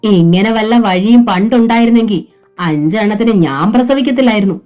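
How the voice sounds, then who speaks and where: A woman's voice: mid-range voice, a little fast, darkish tone, faint music behind, lightly acted. A woman voicing a harsh, blunt older mother-in-law who scolds her son. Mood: scolding.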